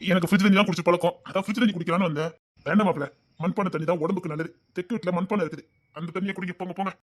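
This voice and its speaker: A man's voice: steady tone, very fast. A man with a Tirunelveli Tamil accent performing a comic family sketch, trading teasing banter between relatives. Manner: teasing banter, jumping between high and hushed lines.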